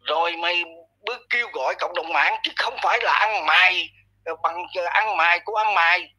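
A man's voice: high voice, fairly quick, pushed and bright, slightly rough, low-quality recording. A man giving a blunt, scolding commentary monologue aimed at someone. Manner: blunt, scolding, addresses listener harshly. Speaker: online commentator.

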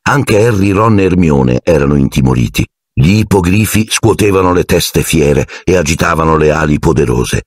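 Brief: male audiobook narrator, low husky voice, lively delivery, dry booth sound. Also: normal speed, dry recording. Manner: expressive storytelling, acting out each character. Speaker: audiobook reader.

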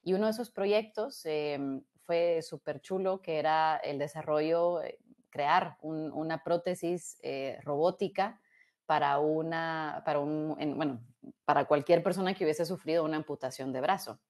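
Low-voiced Guatemalan woman on a video call. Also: moderate pace, darkish tone. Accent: Guatemalan Spanish. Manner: reflective, many restarts and tag questions. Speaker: engineer telling her career story. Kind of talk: casual conversational storytelling. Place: small room indoors. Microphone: earbud headset on a video call.

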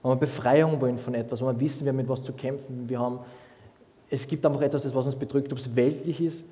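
A young man preaching a sermon, lively and humorous, with many restarts as he tells stories. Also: medium pitch, fast. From Austria. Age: young adult. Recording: long hall reverb.

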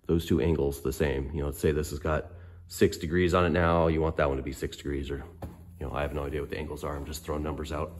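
A middle-aged off-road fabricator, hoarse from a cold, gives a casual technical walkthrough of his work in a garage workshop. His very deep voice is a little mellow, and he speaks slowly and hesitantly, pausing often with many ums. The sound comes from a handheld phone camera.

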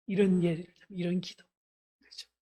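A woman pastor delivers a sermon at a church service, her voice husky and a little breathy. She talks earnestly and directly to the congregation and leads them through scripture readings aloud. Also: lowish voice, little pitch movement, brisk, dark tone.

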